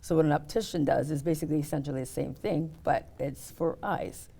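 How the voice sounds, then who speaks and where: A middle-aged woman talking casually in an interview about her work as an optician, explaining step by step with many pauses. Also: low-pitched, gravelly, warm tone. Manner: explains step by step, hesitant fillers.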